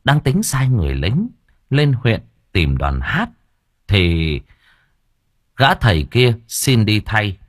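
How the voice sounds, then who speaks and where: Guy reading an audiobook, lots of pitch swing, dry close mic. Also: very animated, takes it slowly, long pauses, no room sound. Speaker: audiobook narrator. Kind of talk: storybook narration.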